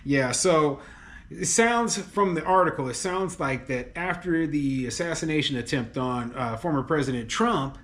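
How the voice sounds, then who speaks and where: A man's voice: fairly high pitch, normal speed, fairly bright tone. A man who is a landlord, casually commenting on a news article with lots of fillers, frequent laughs and exasperated opinions. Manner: chatty, laughs often, many fillers like "you know" and "okay". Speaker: landlord and real estate commentator.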